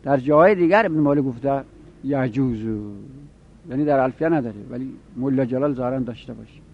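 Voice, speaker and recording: A man giving a seminary lesson on Arabic grammar, explaining rules and repeating example phrases slowly. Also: mid-range voice, slight background noise. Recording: dull lo-fi recording.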